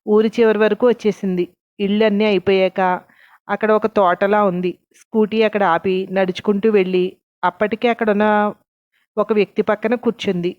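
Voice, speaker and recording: Brief: woman storyteller, steady scripted narration, middle pitch, dull lo-fi sound. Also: moderate pace, no room sound. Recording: dull lo-fi recording.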